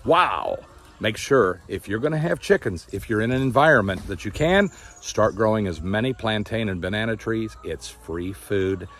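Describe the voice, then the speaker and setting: A man's voice: fairly low pitch, animated, moderate pace, fairly bright tone. A man in his fifties filming an enthusiastic, folksy farm vlog outdoors by a chicken pen, explaining as he goes into a phone held at arm's length. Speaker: farm vlogger. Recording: faint outdoor noise with chickens clucking.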